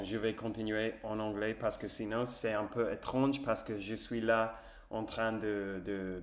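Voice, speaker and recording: A man with an English accent, a native English speaker practising French as a vlogger, talking casually and hesitantly with many fillers and self-corrections as he searches for words. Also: on the low side. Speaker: language-learning vlogger.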